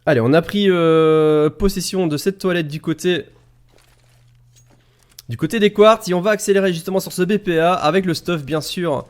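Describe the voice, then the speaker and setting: A man's voice: sits high, normal speed. A Belgian man with a Belgian French accent, casting a live esports match from a home setup into an XLR studio microphone, chatty and joking with his viewers in the chat. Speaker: esports caster. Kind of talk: live game commentary.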